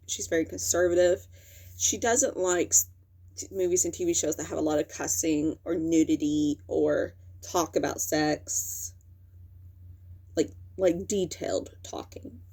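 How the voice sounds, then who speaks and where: In a casual commentary video, a young woman host talks to the camera, wandering off on tangents, correcting herself and filling gaps with lots of fillers. She has a lowish voice with a darkish tone.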